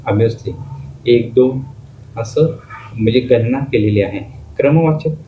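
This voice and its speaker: A male teacher with a mid-range voice gives a slow exam-prep grammar lesson, working step by step by posing questions and answering them himself. The audio is lo-fi and phone-like, with faint noise.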